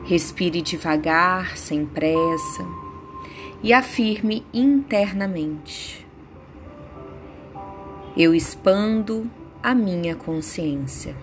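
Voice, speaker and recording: A woman guiding a meditation with affirmations in a soothing, unhurried way, leaving pauses between phrases. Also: fairly low pitch. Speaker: meditation guide. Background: soft background music.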